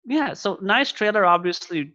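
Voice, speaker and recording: Higher-pitched man on a dull, lo-fi mic. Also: lively intonation, pushed and bright. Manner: halting, repeats words, short agreeing replies. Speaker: podcast co-host. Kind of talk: casual chat.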